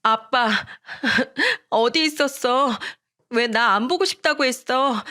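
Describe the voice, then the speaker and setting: A woman's voice: high-pitched, lively intonation, slow, pushed and bright, pitched above the performer's own voice, full character voice. A woman voicing a young schoolgirl who pleads through tears in a radio story. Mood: tearful pleading. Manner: tearful, pleading child talk. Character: young girl in third grade, sad and pleading.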